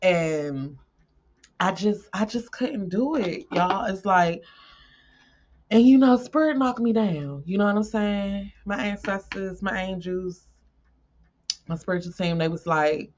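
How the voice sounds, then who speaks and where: A woman's voice: medium pitch, takes it slowly, darkish tone. Chatty woman tarot reader, lo-fi audio. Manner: chatty, repeats herself, swears freely. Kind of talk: casual chat to viewers.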